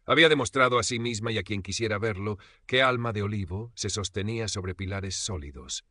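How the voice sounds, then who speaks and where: A man narrating a fiction audiobook in a steady, scripted storytelling manner. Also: fairly low pitch, a little fast, no echo.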